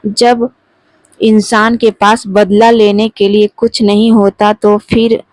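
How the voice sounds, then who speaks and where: A woman narrating a sad first-person story in a calm, steady way. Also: mid-range voice, slow, no room sound.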